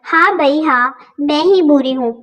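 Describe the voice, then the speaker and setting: A woman's voice: high voice, a little slow, fairly bright tone. A woman voicing an exasperated young husband who scolds his wife. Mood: angry. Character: fed-up young husband, short-tempered.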